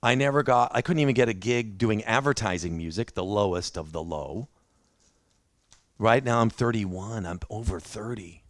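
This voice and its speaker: Speaking at normal speed in a fairly low voice, with no room sound, a man delivers a church sermon built around personal testimony. He recounts his own experiences casually and pokes fun at himself.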